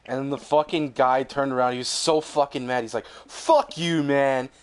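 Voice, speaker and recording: A man's voice: mid-range voice, fairly even intonation, fairly quick. A young man co-hosting a podcast in casual chat, rambling and swearing freely, laughing often. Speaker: podcast co-host.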